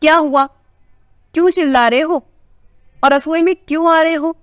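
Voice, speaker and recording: A woman voicing a sharp-tongued older wife who scolds her husband with a caring side, in a family story. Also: sits high, fairly even intonation, normal speed, dry recording, studio quality, voice pushed up, close to an everyday voice. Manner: scolding, tart.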